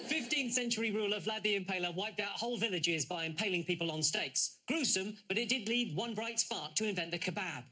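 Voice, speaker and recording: A man with a high voice hosts a comedy quiz, delivering scripted questions with dry deadpan jokes. The recording carries noticeable background noise. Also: brisk, few pauses. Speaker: quiz host. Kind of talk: scripted comic quiz hosting.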